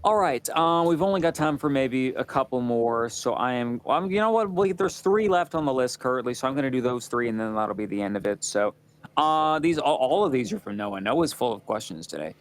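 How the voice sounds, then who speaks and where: A man's voice: medium pitch, expressive, a little fast. A male talk show host in casual interview chat, upbeat and chatty, laughing often as he reads out audience questions.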